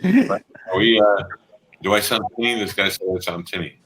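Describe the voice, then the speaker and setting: Man, thin tinny voice without bass, built-in computer mic, video call, crude playful banter, sharp bright edge. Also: normal speed, a little hiss or hum. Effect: thin tinny sound with no bass from a built-in computer mic. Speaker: friend making a bet on a video call. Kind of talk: joking banter. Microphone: built-in laptop computer mic on a video call.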